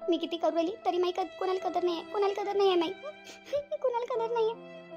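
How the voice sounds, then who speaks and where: A woman's voice: extremely high pitch, fairly even intonation, quick pace, muffled recording, music in the background. A woman voicing an indignant young daughter-in-law in a cartoon, with a Vidarbha Marathi accent. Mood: hurt. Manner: indignant, defensive. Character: young daughter-in-law, defensive and sharp-tongued. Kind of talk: cartoon voice acting.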